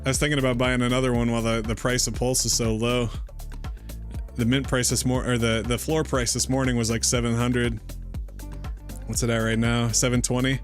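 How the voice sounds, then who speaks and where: A man hosts a casual livestream, talking in a rambling, fired-up way and often restarting his sentences. His voice sits at a middle pitch. Faint music plays underneath. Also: level tone, brisk. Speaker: livestream host. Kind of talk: casual crypto livestream talk.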